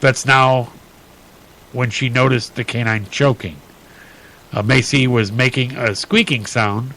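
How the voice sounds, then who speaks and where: A male radio host working through offbeat news items at an easy, chatty clip. He stumbles and restarts often, filling gaps with ums and uhs, and his voice sits at an ordinary middle pitch. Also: steady tone, bright, forceful tone, low-quality recording. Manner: chatty, halting with many fillers and restarts. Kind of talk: reading odd news stories on radio.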